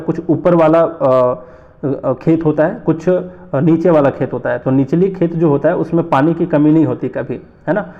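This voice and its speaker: A man from North India teaching an exam-prep lesson, explaining slowly, repeating terms and asking rhetorical questions. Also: a little high, lo-fi sound.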